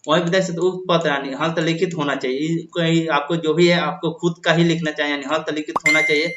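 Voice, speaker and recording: A man with a slightly high voice walks through an official notice, going over each point again and padding it with fillers and restarts. The sound is dull and lo-fi, as if recorded with a cheap mic. The room around him is echoey. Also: fairly even intonation, quick pace, fairly bright tone, a little hiss or hum. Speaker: explainer of a government notice. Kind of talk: casual explainer video reading out a notice.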